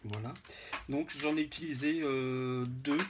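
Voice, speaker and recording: A man casually showing a handmade photo album, talking to viewers with many pauses and fillers. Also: mid-range voice, fairly even intonation, noisy background. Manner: hesitant, many fillers, chatty asides to viewers. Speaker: scrapbooking vlogger. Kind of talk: casual show-and-tell.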